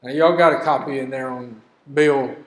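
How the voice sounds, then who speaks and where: A man's voice: medium pitch, fairly even intonation, normal speed. An older man gives a homespun, earnest business lesson, full of stories and folksy turns of phrase. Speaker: business teacher. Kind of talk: folksy teaching talk. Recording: echoey hall with long reverb.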